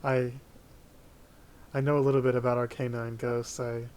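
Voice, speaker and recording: A male game master narrates a tabletop fantasy game. His pitch is middling and his intonation is quite flat. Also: moderate pace, smooth.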